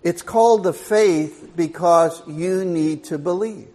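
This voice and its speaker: Older male preacher, slow and unhurried, folksy storyteller who drives home his points. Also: sits high, darkish tone. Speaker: Bible teacher. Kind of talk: Bible teaching sermon.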